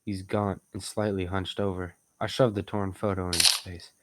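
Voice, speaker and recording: A man with a low, flat voice speaks at a moderate pace in a very noisy recording, sounding close to everyday speech. He plays the haunted, desperate narrator and protagonist of a gothic audio drama, telling it in the first person with grave suspense.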